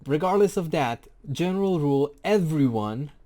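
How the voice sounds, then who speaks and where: Man, mellow warm voice, casual game tutorial, rambling, jokey, self-correcting. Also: a little high, expressive, normal speed. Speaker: game guide creator.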